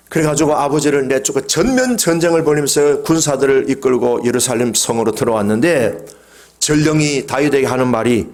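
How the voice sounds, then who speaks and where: Impassioned pastor with a lively, rising voice. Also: male voice, mid-range voice. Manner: swings from calm talk to loud impassioned cries; leads the congregation in call-and-response. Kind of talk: Sunday sermon.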